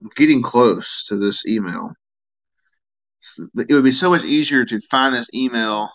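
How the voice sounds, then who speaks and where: A man's voice: medium pitch, moderate pace, muffled recording. A tired man, chatting casually on a live stream and answering comments from viewers. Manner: rambling, relaxed, reads and answers chat comments. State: tired, yawning.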